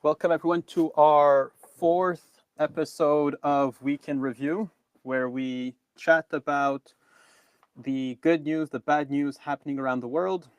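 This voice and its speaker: A man's voice: a little high, fairly even intonation, measured pace, clean tone, dry recording. A man co-hosting a live online news review, talking casually with many ums and restarts. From Canada. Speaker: co-host.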